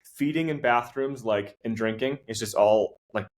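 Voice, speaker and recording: A man, a professional gravel racer, chatting as a podcast guest, rambling through anecdotes with many fillers and restarts. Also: mid-range voice, normal speed. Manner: tells anecdotes, acts out quoted people. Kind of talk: casual chat.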